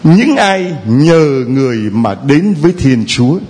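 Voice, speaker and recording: A man who is a priest, giving a sermon and teasing people in the audience, sometimes chanting prayer lines slowly. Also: fairly high pitch, big pitch swings, darkish tone. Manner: teasing, jovial, slow chant-like prayer phrases.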